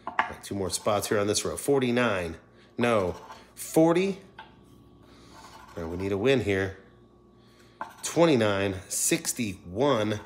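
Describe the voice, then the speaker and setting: A man's voice: on the low side, a little hiss or hum. A middle-aged man giving casual, chatty livestream commentary to his viewers. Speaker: livestream host scratching lottery tickets. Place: indoors at a wooden table.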